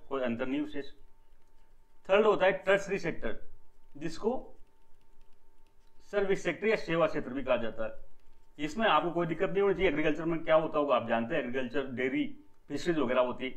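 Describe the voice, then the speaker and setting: A man's voice: a little high, rough recording. A young man hosting a daily economics news lesson, addressing viewers as friends and repeating key points with rhetorical questions. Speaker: economics teacher and channel host.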